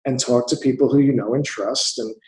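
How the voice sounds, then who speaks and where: A man's voice: medium pitch, steady tone, a little fast, darkish tone, echoey room, low-quality recording. A man in his fifties from the United States, a theatre investor speaking as an interview guest, thinking aloud and often repeating words. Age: 50s. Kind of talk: conversational interview.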